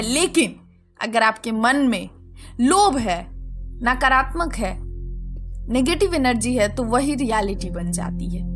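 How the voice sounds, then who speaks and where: A woman hosting a spiritual explainer, speaking earnestly and directly to the viewer in a narrated voice-over. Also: fairly high pitch. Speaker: channel host explaining a mantra. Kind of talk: narrated explainer in Hindi with English words. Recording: voice-over with clear background music.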